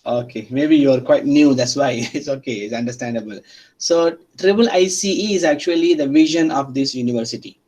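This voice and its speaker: A university lecturer speaks briskly in a medium-pitched, slightly mellow voice. He is a man whose English is a second language, with a first language that isn't Arabic or English. His teaching style is interactive, full of repeated phrases and regular questions to make sure students are following.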